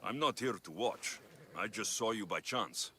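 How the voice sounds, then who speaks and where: An actor playing a blunt, dryly sardonic, impatient Greek mercenary hero in a video game. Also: male voice, lowish voice, expressive, normal speed, pushed and bright, slight background noise. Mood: dry, helpful. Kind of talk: video game cutscene acting. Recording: music behind the voice.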